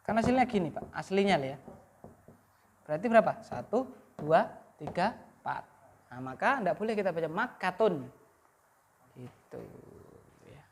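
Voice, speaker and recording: A woman's voice: fairly low pitch, very animated, moderate pace, long pauses, a little mellow, a little hiss or hum. A woman teaching Arabic grammar, often leaving a sentence open for students to finish. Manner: quizzes the class with half-finished questions. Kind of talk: classroom lesson.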